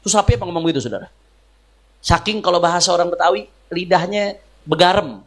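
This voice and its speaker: Male preacher, gravelly and high, folksy, emphatic sermon storyteller. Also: fast, fairly bright tone. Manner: emphatic, folksy, repeatedly addressing the crowd.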